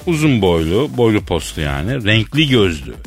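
A man's voice: lowish voice, very animated, normal speed, faint music behind. A man hosting a comic radio show, playful and theatrical, drawing out words for effect.

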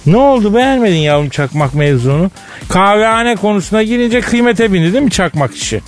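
A man's voice: high-pitched, animated, quick pace, faint music behind. A man hosting a radio show with casual, slangy, mock-indignant comedic banter.

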